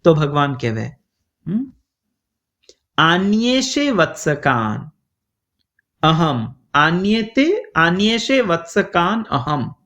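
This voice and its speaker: A male preacher tells a devotional story at an unhurried pace, chanting verses and slipping into the voices of its figures. His voice sits high and swings widely in a sing-song way. The recording is muffled and lo-fi. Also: sing-song, fairly bright tone. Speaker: preacher telling scripture stories. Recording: dull lo-fi recording.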